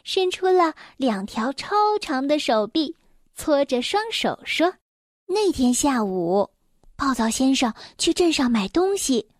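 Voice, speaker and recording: Slow, high-voiced woman storyteller. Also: no room sound, studio quality. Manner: gentle, expressive, addresses children directly. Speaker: children's storyteller. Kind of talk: reading a children's story aloud.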